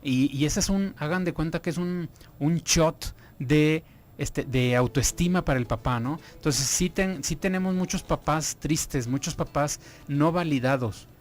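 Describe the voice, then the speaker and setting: A man's voice: on the high side, unhurried. A man speaking as a guest on a radio talk show, explaining earnestly and asking many rhetorical questions. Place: radio studio.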